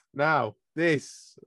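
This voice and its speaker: A man's voice: a little high, fairly bright tone, husky, dry recording, clean studio sound. A British man from Britain co-hosting a podcast in casual chat, laughing often as he tells stories. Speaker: podcast co-host.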